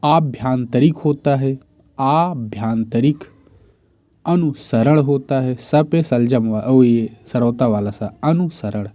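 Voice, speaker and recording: A man's voice: mid-range voice, takes it slowly, mellow, no echo. A man teaching Hindi grammar for exam preparation, reciting correct spellings in short, repeated phrases. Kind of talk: exam-prep spelling drill.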